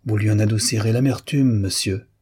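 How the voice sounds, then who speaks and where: A man voicing a proud, clever young man who answers politely and with quiet confidence. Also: on the low side, fairly quick, husky.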